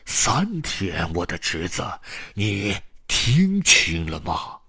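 A man voicing the ghost of an old storyteller uncle, slow, deep and commanding. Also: wildly swooping pitch, pushed and bright, breathy edge, dry recording, clean studio sound, heavily acted. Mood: urgent.

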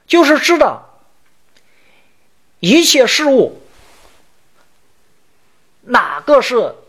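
A man teaching as a Buddhist teacher in a sutra lecture, explaining terms point by point and chanting the verse lines slowly. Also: very high voice, very animated, a bit bright.

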